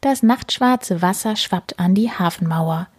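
Slow husky woman reading a bedtime story. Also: mid-range voice. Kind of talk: children's story read aloud.

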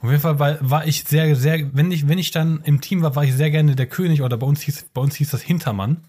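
Fast-talking stammering man. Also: on the high side, steady tone, mellow. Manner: stammering, repeats words. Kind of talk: casual chat.

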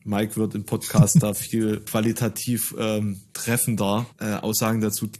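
Low-pitched man, hesitant casual co-host, lots of ums. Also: little pitch movement, unhurried, a little mellow. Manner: hesitant, many filler sounds. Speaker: podcast co-host. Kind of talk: casual chat.

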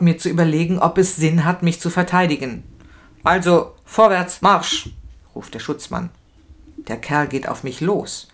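Expressive woman reading a novel aloud. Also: low-pitched. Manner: expressive, emotional, shifting between fear and anger. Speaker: reader. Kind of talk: literary reading, first-person narration.

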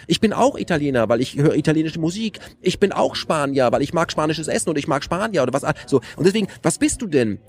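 Man, fairly high voice, animated interview talk full of rhetorical questions. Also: quick pace, hardly any pauses, slightly rough. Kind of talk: casual conversation.

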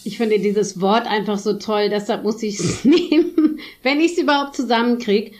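A woman's voice: fairly high pitch, normal speed, darkish tone, soft background music. A middle-aged woman chatting casually as an interview guest, rambling and searching for words. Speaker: interview guest, theatre director.

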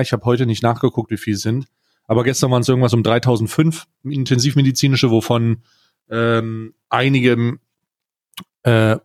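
Mann im heimstudio, ganz trockener sound, redet sich in rage. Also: male voice, medium pitch, darkish tone, no echo, studio quality. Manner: indignant, hesitant restarts, ranting. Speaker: podcast co-host. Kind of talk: casual political chat. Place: home studio.

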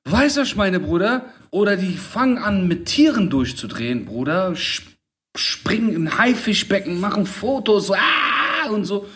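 A man in his thirties, co-hosting a casual chat and telling stories in a slangy, animated way. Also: sits high, moderate pace. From Germany. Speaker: podcast co-host.

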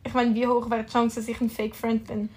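A woman's voice: fairly high pitch, flat delivery, brisk, slightly rough. A young woman with a Swiss German accent in casual chat as a podcast co-host, mixing in English slang. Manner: chatty, mixes in English slang.

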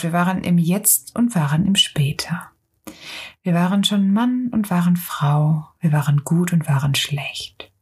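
A woman whispering a gentle, loving soul in whispered role-play. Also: on the low side, breathy edge, full character voice. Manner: soft, gentle, calm. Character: kind, patient, loving friendly soul.

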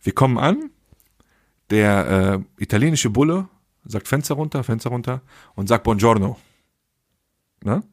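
A man chats on a podcast in loose street slang and jumps into the voices of the people in his story. His voice is a little husky. The sound is dry, with no room around it. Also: medium pitch, normal speed, pauses often, no echo. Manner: slangy, animated storyteller acting out dialogue. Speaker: podcast co-host. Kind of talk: casual chat, anecdote storytelling.

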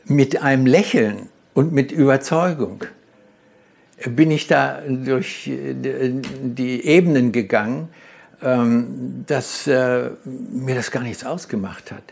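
Gravelly German man telling a story. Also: mid-range voice, takes it slowly, darkish tone. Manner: storytelling, acts out quoted dialogue, hesitant fillers. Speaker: interviewee, car designer. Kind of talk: reminiscing in an interview.

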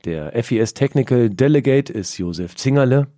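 A man's voice: mid-range voice, lively intonation, normal speed, warm tone, no echo, studio quality. A man co-hosting a casual sports chat, joking and teasing his partner as he runs through race results. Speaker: podcast co-host.

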